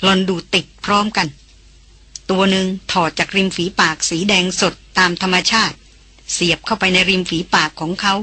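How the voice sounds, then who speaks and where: A woman narrating a novel as an audiobook in a steady, expressive storytelling voice. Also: mid-range voice, normal speed, husky, no room sound.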